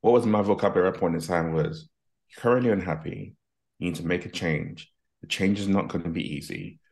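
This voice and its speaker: A man's voice: sits low, fast talker, vocal fry, a little mellow. A man from Nigeria who grew up in Britain, a guest executive coach earnestly telling his story over a video call on a headset. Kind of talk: reflective storytelling. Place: home office, video call.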